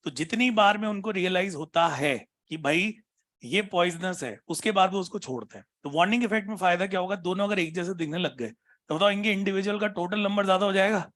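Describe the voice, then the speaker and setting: A man teaching a biology class, constantly prompting his students with questions and reading textbook lines slowly. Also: high voice, a bit bright. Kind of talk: classroom lecture.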